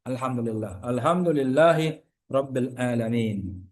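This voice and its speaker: A man from the region lecturing over a video call. He talks in a lively way, repeats examples and keeps asking his listeners to agree. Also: medium pitch, normal speed. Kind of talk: online university lecture.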